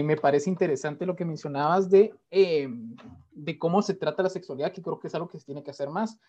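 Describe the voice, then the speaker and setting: A man's voice: fairly high pitch, dark tone. A man hosting a casual panel chat, rambling along with many fillers and restarts. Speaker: host. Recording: dull lo-fi sound.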